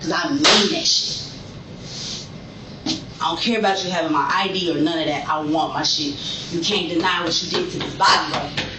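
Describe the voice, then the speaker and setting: A woman's voice: sits low, normal speed. Middle-aged woman, angry and defiant, slangy talk, distant mic, roomy echo. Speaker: suspect in police interview. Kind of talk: interrogation-room talk. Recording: echoey room from far off, noisy.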